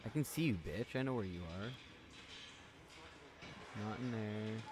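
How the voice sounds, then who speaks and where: A man giving casual gameplay commentary, swearing a lot, talking to the game's characters and yelling when startled. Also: lowish voice, measured pace. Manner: jumpy, yells when startled. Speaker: let's play host.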